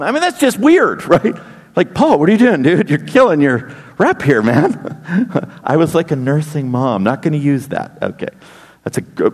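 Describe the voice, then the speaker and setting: A man preaching a sermon as pastor, joking and acting out little voices as he goes. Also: high voice. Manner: animated, joking, acts out voices. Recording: long hall reverb.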